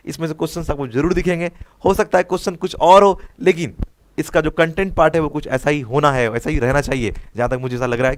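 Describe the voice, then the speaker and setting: Indian man teaching an exam-prep class. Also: a little high. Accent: Indian English. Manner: explains answers, mixing Hindi with English phrases, often asks "है ना?". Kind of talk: online exam-prep lesson.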